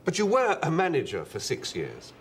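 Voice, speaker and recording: A brisk job interviewer. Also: male voice, a little high, wildly swooping pitch, slight background noise. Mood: questioning. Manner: questioning, mildly incredulous. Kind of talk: scripted comic dialogue.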